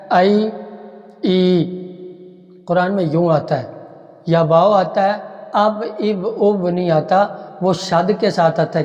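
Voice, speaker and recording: A man's voice: sits high, darkish tone. A man teaching Quran reading step by step, sounding out each letter several times and then explaining patiently. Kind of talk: step-by-step recitation lesson. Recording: dull echoey room recording.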